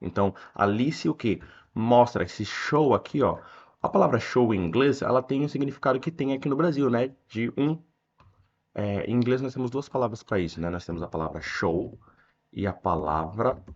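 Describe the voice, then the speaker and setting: A man with a Brazilian accent teaching English, explaining a text line by line and reading the English sentences slowly. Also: fairly low pitch, dull audio. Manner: slows down to read English sentences aloud.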